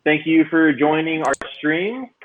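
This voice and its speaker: A man's voice: on the high side, measured pace. A man hosts an online stream, his speech loose and chatty. His voice comes through a robotic, metallic-sounding mic, thin and phone-like over the call. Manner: loose and chatty, many fillers. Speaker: livestream host. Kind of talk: casual livestream hosting. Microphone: computer mic on a video call.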